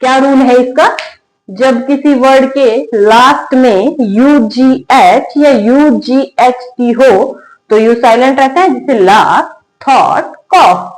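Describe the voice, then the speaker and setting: Woman drilling spelling rules, higher voice. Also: takes it slowly, low-quality recording. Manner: repetitive call-and-response drilling, asking and answering her own questions. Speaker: English teacher. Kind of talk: spoken English lesson in Hindi.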